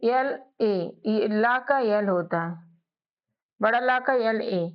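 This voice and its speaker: A woman's voice: on the high side, slow. A woman teaching English spelling to beginners, drilling sounds letter by letter and often asking and answering her own questions. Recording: dull lo-fi audio.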